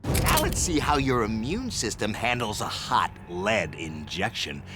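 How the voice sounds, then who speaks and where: Menacing cartoon gunman, unhurried, animated taunts over very prominent music. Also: on the low side. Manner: slow, threatening. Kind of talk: adult cartoon voice acting.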